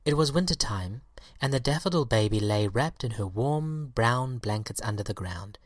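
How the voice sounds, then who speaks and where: A male audiobook reader with a medium-pitched voice tells a children's story in an expressive, deliberate way. The recording is studio quality with no echo.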